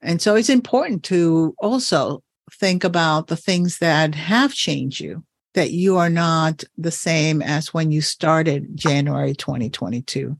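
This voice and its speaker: A woman's voice: low-pitched, measured pace, gravelly, no echo, clean studio sound. A woman hosting a podcast as a coach, talking thoughtfully and encouragingly with frequent laughs. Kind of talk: reflective podcast conversation.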